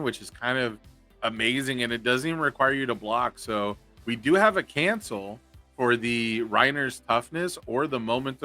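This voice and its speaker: A man giving live, analytical commentary on a card game tournament, thinking through each possible play out loud. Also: medium pitch.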